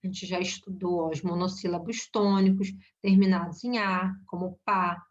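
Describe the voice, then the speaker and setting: A woman's voice: fairly low pitch, flat delivery, moderate pace. A woman with a Brazilian Portuguese accent teaching a recorded grammar lesson, explaining step by step and checking in with short tag questions. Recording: dull lo-fi recording.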